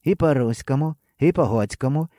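A man's voice: medium pitch, a little fast, mellow, no echo, studio quality, lightly acted. Man doing a fawning male fortune-teller. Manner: fawning, eager to please.

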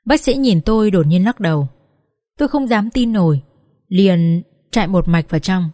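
A woman's voice: medium pitch, normal speed, no echo, studio quality. Woman reading an emotional story. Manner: expressive, acts out sobbing pleas. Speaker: audiobook reader.

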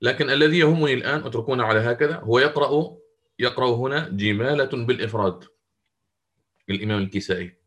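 A man leads an online class on Quranic recitation. His voice sits at an ordinary middle pitch. He walks through each rule step by step and keeps stopping to question his students. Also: fast, a bit bright. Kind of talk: interactive online lesson.

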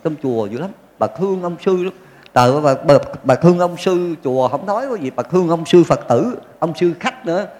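Monk giving a dharma talk, chatty storyteller, bouncy pitch, echoey hall. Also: male voice, expressive, a little fast, darkish tone. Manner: folksy storytelling with jokes and acted quotes. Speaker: Buddhist monk. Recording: long hall reverb.

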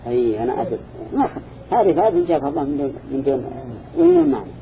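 A man teaching a classroom lecture, speaking in a measured way and quizzing his students with short questions as he goes. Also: a little high, huge pitch swings, gravelly, slight background noise. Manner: measured, quizzes listeners with repeated "ha?" and "na'am". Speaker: teacher of Quran interpretation. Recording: dull lo-fi recording.

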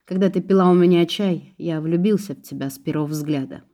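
A woman reading the part of a young man, a car thief in love, speaking softly and apologetically. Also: fairly low pitch, fairly quick, lightly acted. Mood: remorseful.

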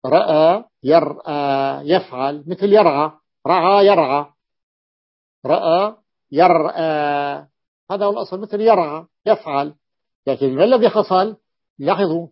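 A man with a fairly high voice teaching grammar, walking through word patterns step by step and repeating each key form. The recording is dull and lo-fi. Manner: repeats key forms and invites the reader to continue. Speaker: teacher of Arabic morphology. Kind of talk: explaining a classical grammar text.

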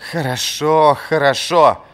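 A man's voice: a little high, fairly even intonation, slow pace, fairly bright tone, pitched above the performer's own voice. A man reading an audiobook, voicing a whiny young male captain who yelps and complains. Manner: yelping, complaining.

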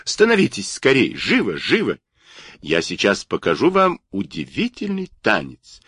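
A man's voice: on the low side, huge pitch swings, measured pace, a bit bright, slightly rough, dry recording, clean studio sound, exaggerated voice. A man voicing a boastful, quarrelsome little male toy figurine with a bragging, squealing manner. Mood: excited.

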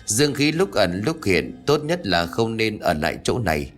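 A man voicing a calm older spirit master who gives slow, grave advice in a ghost story. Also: on the low side, faint music behind.

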